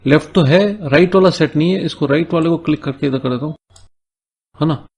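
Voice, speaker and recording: A slightly high, somewhat mellow, husky male voice leads a screen-recorded coding tutorial. Step by step he explains in Hindi, repeatedly asking "है ना?", and pauses to read the English task notes slowly.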